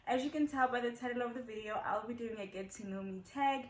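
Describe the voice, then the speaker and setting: A woman's voice: a little high, fast talker, slight background noise. A young South African woman in her twenties, chatting casually to her channel and repeating points for emphasis. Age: 20s. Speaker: YouTuber. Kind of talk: casual get-to-know-me chat. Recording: echoey room.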